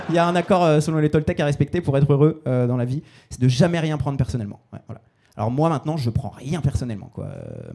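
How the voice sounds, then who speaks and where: A man's voice: a little high, dark tone, slight background noise. A man in his twenties performing a self-mocking stand-up set on stage, in a casual slangy way. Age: 20s. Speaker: stand-up comedian. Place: stage before a live audience.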